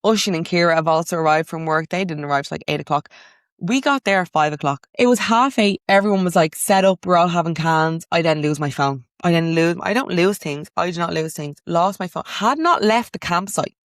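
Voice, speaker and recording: A woman's voice: fairly low pitch, no room sound. Chatty young Irish woman, dry close sound. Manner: chatty storytelling, quick asides, animated outbursts. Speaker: podcast host. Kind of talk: casual chat.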